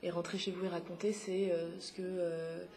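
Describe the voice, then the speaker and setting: Woman, twenties, interview guest, halting, many fillers, mellow, lowish voice. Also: level tone, faint music behind. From Congo (DRC), raised in France. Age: 20s. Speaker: interview guest, playwright and activist. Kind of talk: hesitant spoken interview answers.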